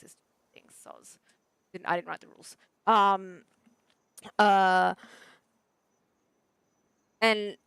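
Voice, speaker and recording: Woman therapist, mid-pitched, loose and chatty with plenty of "um" and "like", dry close mic. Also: fairly bright tone, no room sound. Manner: chatty, rambling, many fillers and self-corrections. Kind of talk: casual advice chat while gaming.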